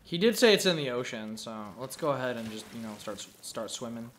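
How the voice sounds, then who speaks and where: A man's voice: medium pitch, animated, fast talker, soft background music. Swearing man narrating his gameplay. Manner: profane, muttering to himself. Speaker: gameplay commentator. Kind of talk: casual gameplay commentary.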